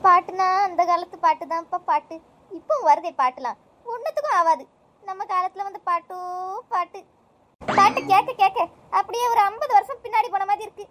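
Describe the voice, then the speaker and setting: A grumpy old mother-in-law from a cartoon, croaky and drawn-out in her grumbling, voiced by the same performer who plays the others. The voice sits very high and sounds bright and sped up. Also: animated, a little hiss or hum. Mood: nostalgic. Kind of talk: cartoon voice acting.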